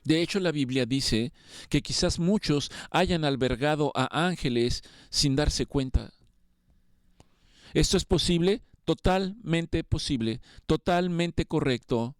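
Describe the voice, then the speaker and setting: Male preacher, earnest and emphatic, fairly high and very clear. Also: takes it slowly, no echo, clean studio sound. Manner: earnest, rising to emphatic appeals. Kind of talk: sermon.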